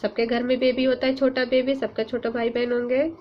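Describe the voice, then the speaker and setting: A woman teacher leading an online class for young pupils, drawing out letters and words slowly and asking coaxing questions. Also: fairly high pitch, little pitch movement. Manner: slow, drawn-out sounding of letters and words; patient, coaxing questions to children. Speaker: Urdu teacher. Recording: muffled lo-fi sound, faint hum.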